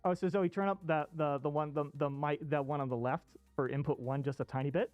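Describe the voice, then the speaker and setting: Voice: medium pitch, steady tone, a little fast, dry recording, soft background music. A streamer chatting casually and rambling informally, with a muffled voice as if covered by a costume head. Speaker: livestream host. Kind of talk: casual chat. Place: inside a fursuit costume head, indoors. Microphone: off-costume streaming microphone. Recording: muffled, dull sound from inside costume.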